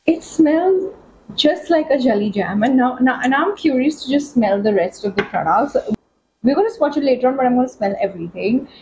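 A woman talking through a makeup tutorial as a beauty vlogger, chatty and excitable, with many fillers. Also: fairly high pitch, a little fast, slight background noise, low-quality recording. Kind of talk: casual makeup tutorial chat.

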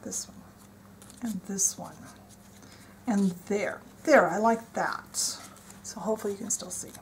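This rough recording, with slight background noise, catches a woman speaking at a measured pace in a medium pitch. She's a planner vlogger working at her desk indoors, narrating casually as she decorates, chatty and excited, musing aloud as she goes.

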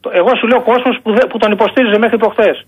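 A man's voice: very high voice, steady tone. A Greek man calling in to a sports radio show over the phone, insistent and repetitive as he argues his point. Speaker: caller. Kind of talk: call-in radio debate. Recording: phone line.

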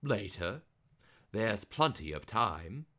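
A man's voice: fairly low pitch, big pitch swings, slow, sharp tone, voice pushed up, heavily acted. A man voicing a clever, bold folk hero who talks in a confident, teasing way.

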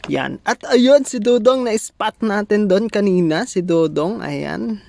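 A woman's voice: medium pitch, expressive, unhurried, gravelly, dark tone. A woman vlogger giving playful, teasing commentary at a karaoke gathering. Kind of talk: casual party vlog commentary.

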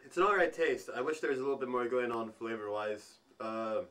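A man vlogging as he tastes food, talking in halting bits while he thinks aloud between bites. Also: medium pitch, fairly bright tone. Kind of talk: food tasting vlog.

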